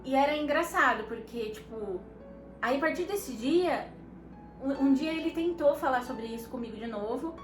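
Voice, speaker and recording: A Brazilian woman casually telling a couple's story, lively and laughing often as she acts out what others said. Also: sits high, moderate pace. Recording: echoey room with background music.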